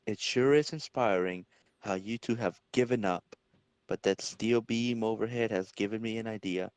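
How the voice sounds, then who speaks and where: A man's voice: lowish voice, moderate pace, darkish tone, clear, resonant tone, no room sound, lightly acted. A man voicing a wry, determined college-age superhero in an amateur comic-book reading. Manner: wry, quippy.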